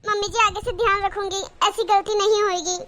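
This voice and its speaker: A woman's voice: very high-pitched, level tone, brisk, background noise. A woman voicing a meek young daughter-in-law in a cartoon, apologetic and pleading. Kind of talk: cartoon voice acting.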